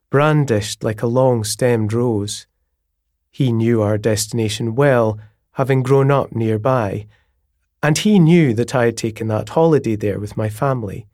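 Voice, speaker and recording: A man reading a novel aloud in a measured, descriptive storytelling manner. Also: mid-range voice, a little mellow, no room sound, clean studio sound. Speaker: audiobook narrator. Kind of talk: scripted narration of a novel.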